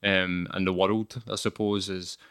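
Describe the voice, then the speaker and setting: Guy hosting a podcast, lowish voice, bright edge, lots of ums, dry close sound. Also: little pitch movement, unhurried, clean tone, no echo. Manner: hesitant, many "um" and restarts. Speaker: podcast host. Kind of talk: casual interview.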